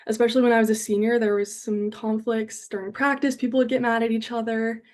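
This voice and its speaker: A woman's voice: a little high, little pitch movement, fast, darkish tone. An American woman around twenty, a university student giving a casual, upbeat and earnest self-introduction in conversational phrasing peppered with "like". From Denver, Colorado, United States.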